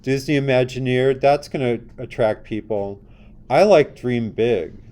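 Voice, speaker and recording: With a medium-pitched, mellow voice and a measured pace, a man leads a design class through a screen demonstration. His style is conversational, and he regularly asks the class questions while he works.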